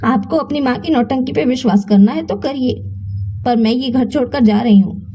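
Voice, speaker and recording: Storybook heroine: a hurt but defiant young wife, voiced by a woman, high-pitched. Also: warm tone, a little hiss or hum. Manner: pleading then firm, quick retorts.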